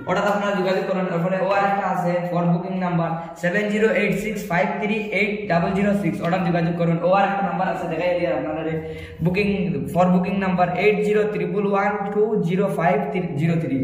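A young man with a Sylheti-influenced southern Assam Bengali accent gives an informal, urgent, repetitive sales pitch to the camera as a vlogger. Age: young adult. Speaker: vlogger promoting a lucky draw. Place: small bare indoor room. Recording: very echoey hard room, faint noise, clicks.

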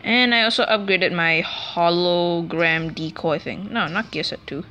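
A woman's voice: lowish voice, measured pace, pushed and bright, highs cut off, soft background music. A woman giving casual, rambling commentary over a video game let's play, often correcting herself as she talks. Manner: chatty, rambling, self-correcting.

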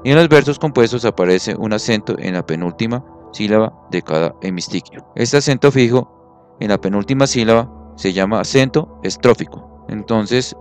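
A man teaching a classroom lesson, patient, counting syllables aloud and checking that students follow. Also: medium pitch.

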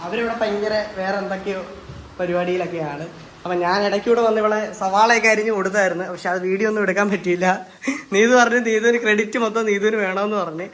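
A man's voice: high-pitched, steady tone, fast, a bit bright, a little hiss or hum. A man, chatting casually and rambling as he films a family vlog in a home kitchen, mixing in English words. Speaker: family vlogger filming his partner cooking.

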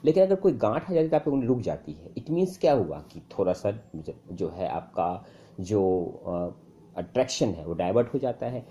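A man teaching English speaking tips in a casual spoken lesson, full of fillers and repeated phrases. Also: normal speed. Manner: conversational, many fillers and repeated phrases, lively pitch jumps.

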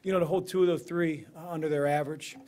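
A man in his forties, a basketball head coach, answering press questions after a game in a measured way, with many fillers and restarts, into a podium microphone. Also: a little high, fairly even intonation, a little mellow. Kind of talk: postgame press conference answers. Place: press room in front of a sponsor backdrop.

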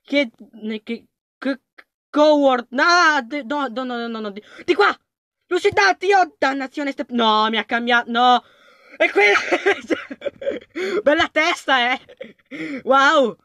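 An excitable gaming creator gives let's-play commentary at a slow pace, talking to characters and shifting between loud outbursts and low mutters in a panicky way. It's clean studio sound with no echo.

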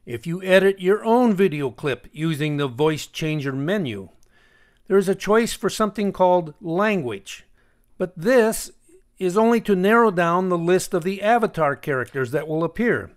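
A high-pitched man narrates a screencast voice-over for a software tutorial. His delivery is expressive and deliberate as he walks through each step. He puts pointed emphasis on the important parts.

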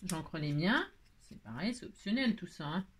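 A woman with a French accent and a lowish, expressive voice hosts a casual card-making tutorial at a moderate pace. She chats and thinks aloud as she works, often breaking into delighted exclamations.

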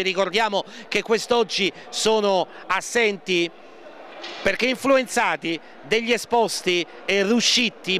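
A man giving live futsal play-by-play, repeating players' names and lifting his voice excitedly at key moments. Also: high-pitched. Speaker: match commentator. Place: indoor sports hall during a match. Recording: noisy sports hall ambience, bouncing balls.

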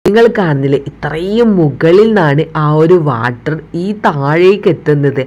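A woman's voice: low-pitched, animated, moderate pace, darkish tone. A woman narrating a casual travel vlog, chatting directly to viewers and mixing English words into her Malayalam. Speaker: travel vlogger.

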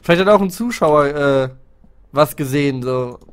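A man giving excited, casual gameplay commentary as a let's player, jumpy and exclamatory. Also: a little high, moderate pace. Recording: home recording with clear background noise.

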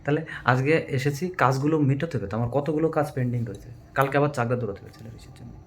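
A man's voice: mid-range voice, fast talker. A man talks plainly with his wife in their bedroom at night in a mid-range voice. He sounds practical and slightly defensive. Faint noise sits behind the recording. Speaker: vlogger's husband. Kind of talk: casual domestic conversation.

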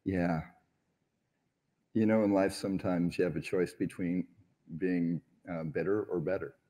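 A man's voice: deep voice, fairly even intonation, unhurried, dark tone. A middle-aged man on an event stage telling stories in an interview, earnest and reflective, with frequent hesitations, on a lapel mic. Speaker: award honoree on stage. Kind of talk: onstage interview storytelling. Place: large event stage, indoors.

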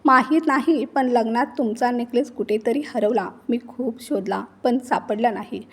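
A woman's voice: a little high, moderate pace, breathy edge. A woman reading the lines of a kind, worried young married daughter in a story. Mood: earnest.

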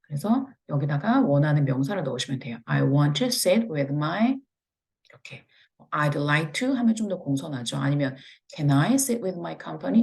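A low-voiced woman with a Korean accent gives an English pronunciation lesson. Her voice has a gravelly, creaky edge, and she draws out each model phrase slowly before explaining it. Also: darkish tone. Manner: slow, drawn-out model phrases with step-by-step explanations. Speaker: English teacher.

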